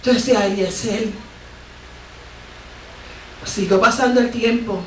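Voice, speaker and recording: A woman's voice: a little high, steady tone, slow, distant mic, slight background noise. A woman missionary preaching a fervent Pentecostal sermon, telling a testimony with bursts of praise. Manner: fervent storytelling with exclamations of praise. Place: church sanctuary. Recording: echoey church recorded from afar.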